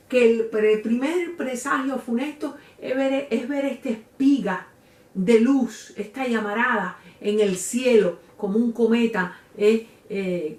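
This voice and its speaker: A woman teacher explaining a text slowly, filling pauses with "eh" and checking in with "¿eh?". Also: fairly high pitch, far from the mic. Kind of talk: explanatory literature lesson. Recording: roomy echo, voice away from mic.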